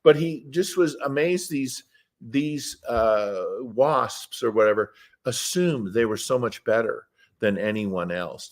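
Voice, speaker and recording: A man talking as an interview guest, telling rambling stories in a plainspoken, opinionated way and wandering off the subject. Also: mid-range voice. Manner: rambling, digressive storytelling. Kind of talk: casual conversational interview.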